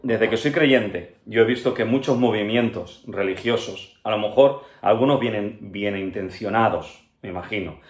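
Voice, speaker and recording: A pastor from Spain with a Spanish accent, teaching an earnest Bible-study sermon that speaks straight to the listener and keeps checking in with him. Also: male voice, lowish voice, normal speed, hardly any pauses, echoey room. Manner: earnest, addresses listener directly with frequent "¿vale?" and "¿verdad?".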